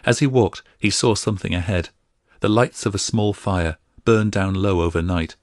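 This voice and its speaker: A man narrating a fantasy audiobook in a steady, even storytelling manner. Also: fairly low pitch, moderate pace, no echo, clean studio sound. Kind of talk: scripted narration.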